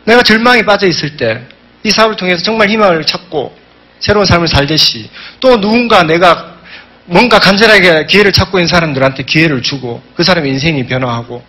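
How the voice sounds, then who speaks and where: A man speaking a little fast in a high-pitched voice leads a motivational business seminar. His delivery is emphatic and animated, built on stories with quotes he acts out.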